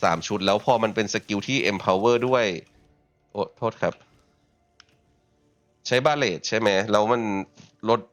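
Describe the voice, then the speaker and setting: A man hosting a gaming channel, casually walking through a game build in a relaxed, chatty way with lots of filler particles. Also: lowish voice, unhurried, long pauses, no room sound.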